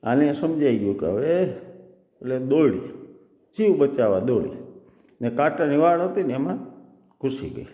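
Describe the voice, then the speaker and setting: A man's voice: mid-range voice, big pitch swings, a little slow, long pauses, dark tone, highs cut off. A man telling a children's story, explaining words like a teacher. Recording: echoey room with long reverb.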